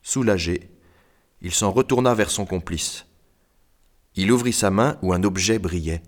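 A man reading a novel aloud as narrator, steady and even in his storytelling. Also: low-pitched, measured pace. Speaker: audiobook narrator.

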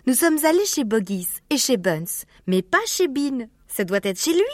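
A man reading a storybook aloud and voicing the smallest fox cub, a young male who is eager and sure he knows the answer, in a slow, drawn-out child's voice. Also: very high voice, sing-song, dry recording, clean studio sound, voice pushed up. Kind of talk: audiobook reading.

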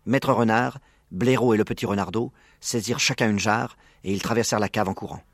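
Low-voiced husky male storyteller. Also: fairly quick, no room sound, studio quality. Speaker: narrator. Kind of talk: storybook reading.

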